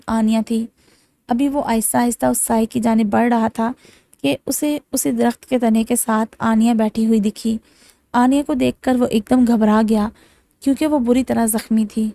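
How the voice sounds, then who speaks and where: A woman narrating a romance novel in a steady storytelling voice. Her pitch sits fairly high but the tone is mellow, and the close mic leaves no room sound. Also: creaky, no echo. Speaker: audiobook narrator. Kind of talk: novel reading.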